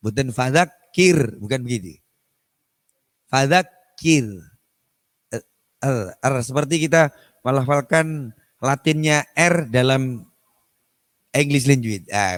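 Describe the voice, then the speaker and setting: A man teaching a recitation lesson at an unhurried, deliberate pace. He says each pronunciation example again and again as he explains it. His voice is mid-pitched and dry, close to the mic with almost no room sound. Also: no echo. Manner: slow, repeats examples to demonstrate pronunciation; mixes Javanese politeness words into his speech. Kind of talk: tajwid lesson with chanted recitation. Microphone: online session microphone.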